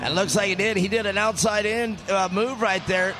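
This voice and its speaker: A man's voice: high-pitched, fairly even intonation, moderate pace, noisy background. A man giving color commentary on an off-road race, chatty and telling anecdotes.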